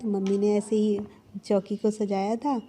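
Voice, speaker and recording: A woman's voice: mid-range voice, level tone, a little slow, mellow, slight background noise. A young woman narrating her family's festival day in a chatty, affectionate way, laughing now and then. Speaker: vlogger. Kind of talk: casual festival vlog narration.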